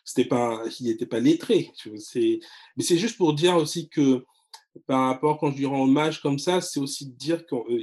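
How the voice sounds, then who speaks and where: A man's voice: mid-range voice, a little mellow. A man in his forties, a literary blogger talking casually as an interview guest, hesitant with many fillers and restarts. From France and Congo-Brazzaville.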